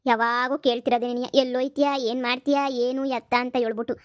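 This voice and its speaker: A woman's voice: high-pitched, little pitch movement, fast, no echo, clean studio sound, natural voice. A woman voicing a troubled young woman in a cartoon, talking in a resigned, complaining way. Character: troubled young woman, sad and self-pitying.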